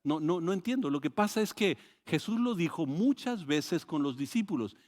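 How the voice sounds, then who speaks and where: A man with a Mexican Spanish accent preaching a sermon, animated and full of restarts, acting out quoted voices with sudden loud rises. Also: a little high, normal speed. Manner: hesitant restarts and repeated words. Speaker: pastor. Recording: long hall reverb.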